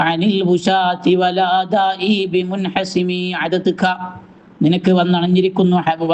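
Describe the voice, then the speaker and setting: A man teaching a religious class, chanting verses slowly and explaining them with quick rhetorical questions. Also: sits high, darkish tone, low-quality recording.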